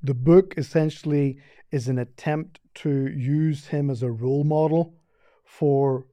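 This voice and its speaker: A man with a Northern Irish accent, a podcast guest who explains his ideas in a thoughtful, measured way. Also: fairly high pitch, steady tone, warm tone, no room sound. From Northern Ireland. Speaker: podcast guest, seminary department chair. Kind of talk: casual conversation.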